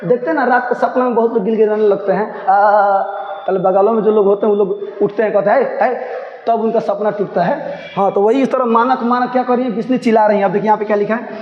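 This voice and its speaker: A man's voice: high-pitched, fairly even intonation, fast, slight background noise. A man, a Hindi teacher explaining a play line by line, repeating lines and telling listeners to pay attention. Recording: echoey room, dull lo-fi.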